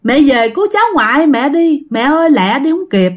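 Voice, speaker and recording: Lady doing a scared teen girl begging, voice swinging high. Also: lively intonation, moderate pace. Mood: pleading. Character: pleading pregnant teenage girl, desperate.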